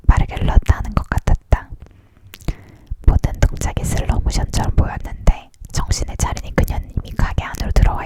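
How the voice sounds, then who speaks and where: A person reading a story aloud in a close, leaning-in ASMR whisper, narrating and voicing dialogue entirely without full voice.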